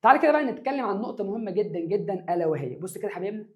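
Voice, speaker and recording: Lively Egyptian male Arabic teacher. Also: sits high, very fast. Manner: lively, stretches words for emphasis, calls students "my dears"; answers his own questions in students' voices. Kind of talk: exam review lesson for secondary students.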